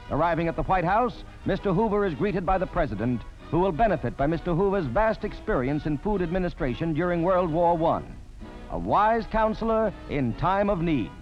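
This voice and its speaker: A man narrating an old 1940s newsreel in an emphatic, declamatory announcer style. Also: sits high. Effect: old 1940s newsreel soundtrack. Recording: dull lo-fi old film soundtrack with music. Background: music score.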